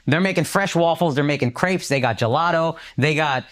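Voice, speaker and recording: A man with a fairly high, slightly quick voice, from the United States, co-hosts a podcast. He tells a story casually and with animation, swearing freely and acting out the quotes.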